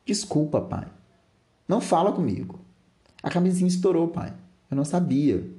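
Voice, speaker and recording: A man's voice: mid-range voice, normal speed, mellow, natural voice. A man voicing an anxious, tearful teenage girl who pleads and apologizes. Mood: tearful pleading.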